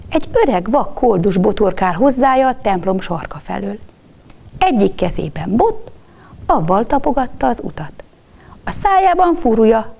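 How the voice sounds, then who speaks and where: A woman reading a storybook tale aloud in an expressive way, sometimes dropping to a whisper. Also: medium pitch, vocal fry.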